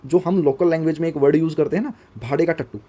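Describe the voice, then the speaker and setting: A man's voice: on the high side, steady tone, quick pace, dark tone. A young man teaching a vocabulary lesson for exam students, conversational and spelling words out letter by letter. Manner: conversational, asks viewers to comment.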